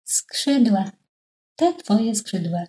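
A woman's voice: mid-range voice, sing-song, extremely slow, dark tone, voice pushed up. A woman doing a know-it-all owl. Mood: lecturing. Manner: lecturing, matter-of-fact. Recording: echoey room.

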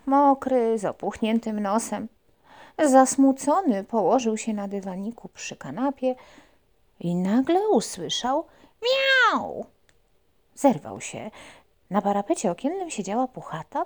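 A woman reading a children's story aloud, expressive and sometimes dropping to a whisper for effect. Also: medium pitch, moderate pace.

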